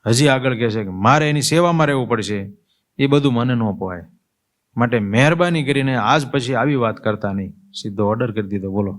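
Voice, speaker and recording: A man of mid pitch giving a storytelling sermon as a monk. He talks in a loose, conversational way and keeps turning to the listeners with little questions. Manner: conversational, asks listeners "you see?" and "tell me". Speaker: monk preacher.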